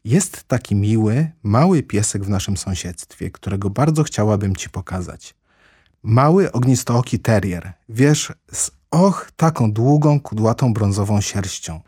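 A man's voice: fairly low pitch, animated, a little slow, mellow, husky, no echo, studio quality. A man voicing Alice, a polite, chatty little girl who rambles eagerly and apologizes often, in a storybook reading.

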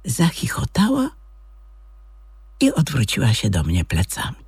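An audiobook reader narrating a story in an expressive, lively manner. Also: medium pitch, a little slow, breathy edge, no room sound.

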